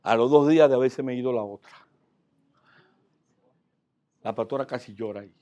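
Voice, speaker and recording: Male pastor, sermon storytelling, animated, medium pitch. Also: normal speed, muffled recording. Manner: animated, swinging from soft asides to loud outbursts.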